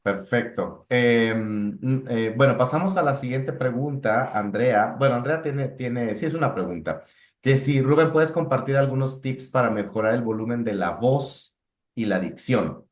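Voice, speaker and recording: A man's voice: mid-range voice, unhurried, reverberant. A man moderating a session, reading out audience questions with a hesitant manner. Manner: hesitant, with fillers before reading.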